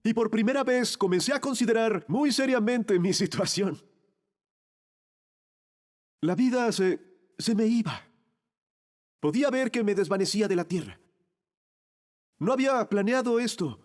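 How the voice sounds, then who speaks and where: An actor playing a dying thief on a cross, speaking a grave, intense monologue. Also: male voice, high-pitched, expressive, normal speed, pauses often. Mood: hushed. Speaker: narrator of a monologue. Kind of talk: dramatic film monologue, dubbed.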